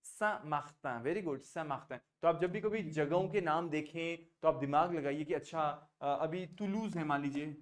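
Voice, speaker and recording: A man teaching a French class, explaining sounds patiently and mixing Hindi with English. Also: on the high side. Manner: explains slowly, mixing Hindi and English, coaxes students to repeat. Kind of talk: online class teaching pronunciation.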